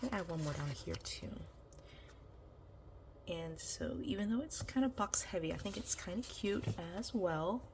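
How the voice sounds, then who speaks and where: A woman vlogger talks at a moderate pace in a medium-pitched voice with lively intonation, background noise behind her. Nasal and congested from being sick, her voice starting to fail, she chats aimlessly through her planner decorating with plenty of ums and you-knows in a casual plan-with-me chat.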